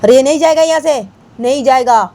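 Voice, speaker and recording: A woman's voice: mid-range voice, fairly quick, mellow, a little hiss or hum, natural voice. A woman voicing a young man, a cousin who keeps repeating himself insistently in a homemade story. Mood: agitated. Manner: repetitive, insistent. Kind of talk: amateur storytelling voice acting.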